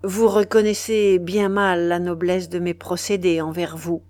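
A woman reading a storybook voices a cold, disdainful male stranger who speaks slowly, calmly and melodiously. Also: fairly low pitch, dry recording, natural voice. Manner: singularly calm and melodious, slow.

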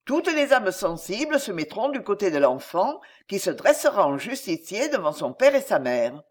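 Woman voicing a fiercely jealous noblewoman; cold, intense, menacing, pitched high. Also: very animated, normal speed.

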